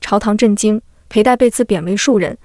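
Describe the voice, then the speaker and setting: A woman narrating a period romance audiobook as scripted narration, reading every character in one steady voice. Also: medium pitch, brisk, no echo, studio quality.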